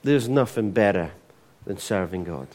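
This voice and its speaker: A middle-aged Scottish pastor delivers a sermon in a low, warm voice. His speech is conversational and loose, full of restarts and repeated words. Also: expressive, moderate pace.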